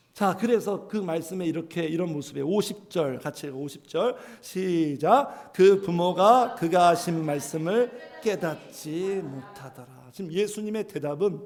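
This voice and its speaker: A man preaching a sermon in a high, gravelly voice. He leads the congregation through scripture readings and acts out scenes with loud bursts and hushed drops. His delivery stays animated throughout. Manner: acts out parents scolding, swings loud and soft. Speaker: pastor.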